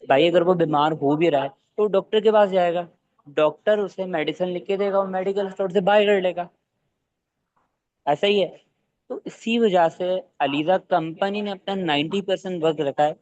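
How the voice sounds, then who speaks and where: A man leading an online training session for his team, talking fast and quizzing listeners with either-or questions. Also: high-pitched, darkish tone, no room sound, highs cut off.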